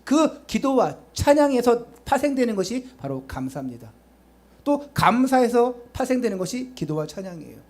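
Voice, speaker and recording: A man's voice: very high-pitched, big pitch swings, moderate pace, darkish tone. A male pastor preaching a sermon, urging the congregation with rhetorical questions and chatty asides to them.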